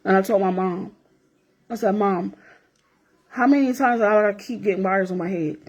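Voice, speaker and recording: This woman's voice sits at a medium pitch with a darkish tone, and she talks at a normal pace. She is a vlogger in her forties delivering a casual, foul-mouthed, blunt rant to the camera, hammering points home by saying them again.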